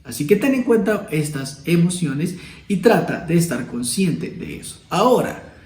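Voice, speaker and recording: A man's voice: a little high, big pitch swings, unhurried, a little mellow, roomy sound, poor audio. A man hosting a video lesson, explaining in a casual tone and acting out tones of voice as examples. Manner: demonstrative, acting out emotional tones of voice. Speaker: video host teaching communication. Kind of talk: casual explanatory talk to camera.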